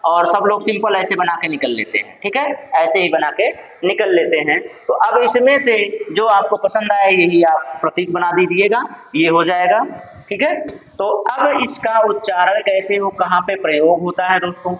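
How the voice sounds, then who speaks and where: A man's voice: high-pitched, moderate pace, a bit bright. A male teacher with a Purvanchal Hindi accent giving an exam-prep lesson on Sanskrit sounds. He keeps asking his own questions and answering them. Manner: addresses viewers as friends, asks and answers his own questions. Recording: dull lo-fi sound.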